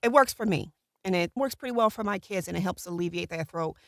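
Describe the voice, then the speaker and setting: Middle aged lady w natural vocal fry, kinda low voice, just chatting thru her routine. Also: quick pace, a bit bright, no room sound, clean studio sound. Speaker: voiceover artist. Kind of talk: casual chat to camera, explaining a routine. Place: small recording booth.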